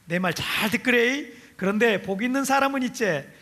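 A man's voice: very high voice, expressive, normal speed, bright, forceful tone, exaggerated voice. A man putting on a Gyeongsang accent, voicing a folksy man who lectures youngsters in a hammy, self-conscious way. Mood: folksy lecturing. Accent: Gyeongsang dialect.

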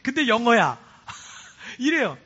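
A man's voice: very high-pitched, big pitch swings, slow, sharp tone, breathy edge, muffled recording. A man, a Korean pastor, preaching to his congregation in a church, chatty and repeating phrases for emphasis. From South Korea. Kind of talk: sermon to a congregation. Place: church in Cebu.

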